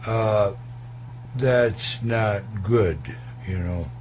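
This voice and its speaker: A man's voice: fairly low pitch, very slow, darkish tone, slight background noise. A man telling a rambling comic tall tale in character, full of hesitations and crude asides.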